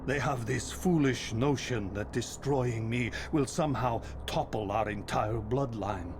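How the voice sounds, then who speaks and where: Game role: male actor as ancient gentle vampire, world-weary and formal, very unhurried delivery, roomy reverberant sound. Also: mid-range voice, noisy background, lightly acted. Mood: solemn foreboding. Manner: weary, solemn, measured formal speech. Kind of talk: dramatic video game voice acting. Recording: echoey, loud music behind.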